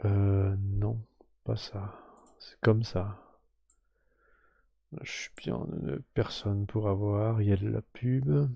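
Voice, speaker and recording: A man hosting a live game stream, slowly drawing giveaway winners and muttering to himself with whispered asides. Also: on the low side, steady tone, creaky, mellow, no room sound, dull audio.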